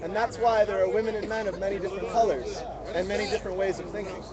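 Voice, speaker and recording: A man with a high-sitting voice reads a story aloud fast and with flat delivery, asking the live group to fill in words. The audio is dull, captured on an outdoor mobile stream with music, crowd chatter, and street sounds behind him.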